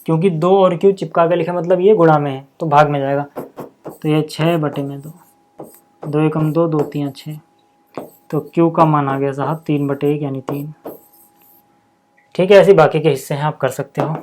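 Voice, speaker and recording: A man walks through maths problems one step at a time in a relaxed, talkative teaching voice, pausing often to check that everyone is following. He keeps things informal and friendly with the viewers, like a tutor talking a class through homework. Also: fairly high pitch, a little hiss or hum. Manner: chatty, checks in with "thik hai" after each step; addresses viewers informally as "bhai sahab" and "yaar". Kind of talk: casual step-by-step lesson.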